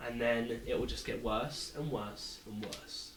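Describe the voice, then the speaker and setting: Man putting on a Nordic-accented rabble-rouser, low and insistent, bright tone, echoey room with faint music. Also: a little slow, a little hiss or hum, natural voice. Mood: urgent. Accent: put-on Nordic. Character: brooding male agitator in a pub, urgent and conspiratorial.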